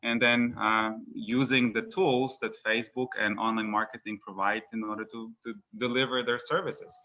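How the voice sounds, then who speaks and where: A man's voice: medium pitch, flat delivery, normal speed, bright, forceful tone, dull audio. A man from Poland, founder of an education company, talking casually in an interview with many fillers and restarts.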